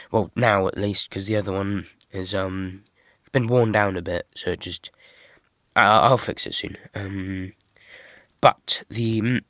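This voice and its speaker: A young man casually showing off a toy model he built, talking in a monotone with many fillers and restarts. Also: on the low side. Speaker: hobby builder showing a model. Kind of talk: casual show-and-tell.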